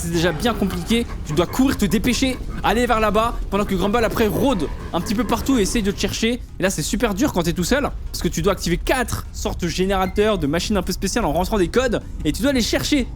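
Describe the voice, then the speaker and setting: Guy with a highish voice commentating a game, talks fast n slangy, bit of music behind. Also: animated. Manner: informal slangy explaining, addressing the viewer directly. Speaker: gaming video host.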